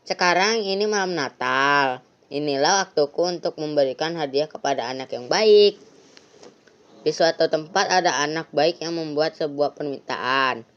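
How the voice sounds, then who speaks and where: Creepy santa-type villain done by a woman, calm and cold, lowish voice, dull lo-fi. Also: natural voice. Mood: menacing. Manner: calm, menacing, slow. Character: sinister Santa-like night visitor who takes body parts. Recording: lo-fi, dull sound.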